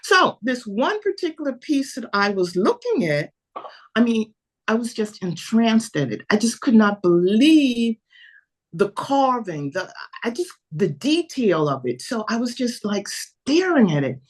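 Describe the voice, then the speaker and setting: A woman in her seventies tells a story as an interview guest, with a voice a little above most women's. She is lively and acts out each line of dialogue. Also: on the high side, measured pace. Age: 70s. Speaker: podcast guest.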